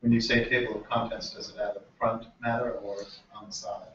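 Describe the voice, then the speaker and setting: A man in the audience asking a question, halting and searching for words. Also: mid-range voice, little pitch movement, husky. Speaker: audience member. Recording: distant, muffled.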